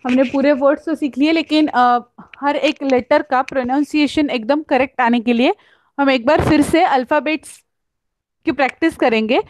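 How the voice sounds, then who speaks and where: A woman's voice: high-pitched, normal speed, no room sound. A woman teaching German on an online class, explaining patiently and often checking with "right?". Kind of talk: online class lesson in Hindi and English.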